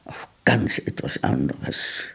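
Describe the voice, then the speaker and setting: A man voicing a frightened, stubborn nine-year-old boy in a storybook reading, hesitant and halting. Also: sharp tone. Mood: guarded.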